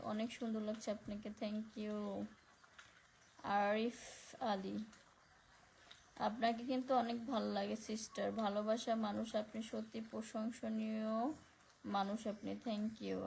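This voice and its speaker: A woman with a Barishal Bengali accent hosting a casual phone live stream, speaking softly because of neck pain as she reads out viewer comments and thanks people by name. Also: mid-range voice, little pitch movement, unhurried, vocal fry, slight background noise, low-quality recording.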